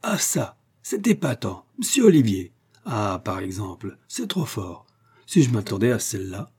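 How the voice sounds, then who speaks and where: A man voicing an excitable young working man in an audiobook. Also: on the low side, brisk, husky. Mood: exuberant. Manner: exuberant, excitable.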